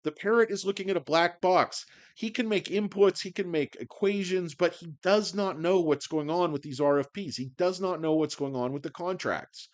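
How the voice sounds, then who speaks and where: A man's voice: high voice, moderate pace, hardly any pauses. Profane rambling man in his forties. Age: 40s. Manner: profane, sarcastic, rambling with many fillers. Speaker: stock livestream host. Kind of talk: profane casual livestream rant.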